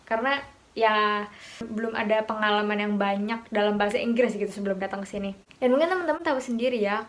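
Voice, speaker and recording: A woman from Indonesia explaining pronunciation in a relaxed, chatty vlog, thinking aloud as she goes. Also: a little high. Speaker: vlogger teaching pronunciation.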